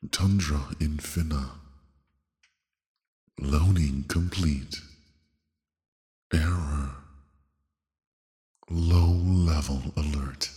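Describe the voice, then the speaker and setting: A man voicing a male AI computer booting up, reading system announcements in a flat, deadpan monotone. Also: very deep voice, big-room sound, exaggerated voice. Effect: robotic computer voice.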